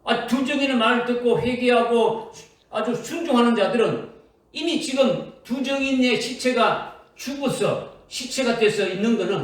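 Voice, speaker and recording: A man preaching a sermon in a church sanctuary, his voice high and swinging widely up and down. He keeps quizzing the congregation and checking they follow. He is heard from a distance, with heavy echo from the hall. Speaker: pastor. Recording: echoey, from far off in a church hall.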